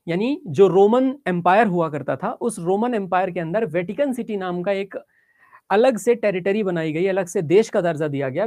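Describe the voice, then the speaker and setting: Low-voiced woman teaching a class. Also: warm tone, no room sound, clean studio sound. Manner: explains step by step, with frequent check-ins to students; mixes English words and phrases into Hindi. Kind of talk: geography class lesson.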